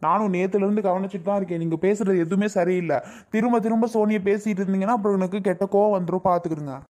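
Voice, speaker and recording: A woman's voice: mid-range voice, steady tone, very fast, dark tone, natural voice. A woman voicing a protective young husband in a cartoon, talking firmly and warning. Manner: firm, warning. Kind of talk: cartoon voice acting.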